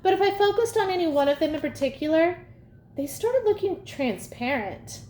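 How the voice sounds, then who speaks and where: A woman reading a storybook aloud in a lively first-person telling. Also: very high-pitched, moderate pace. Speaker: audiobook reader. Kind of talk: storybook narration. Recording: echoey room, faint ambience.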